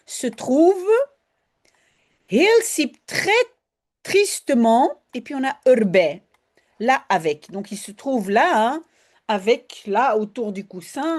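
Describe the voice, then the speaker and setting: Slow, lively teacher, woman. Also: mid-range voice. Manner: slow, explanatory, switching between Dutch and French. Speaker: Dutch language teacher. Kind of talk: line-by-line reading and translation lesson.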